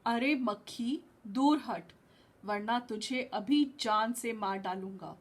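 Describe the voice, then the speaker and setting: A woman's voice: on the high side, slow pace. A woman voicing a grumpy male lion, king of the jungle, in a storybook reading. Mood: roaring. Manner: roaring, irritable.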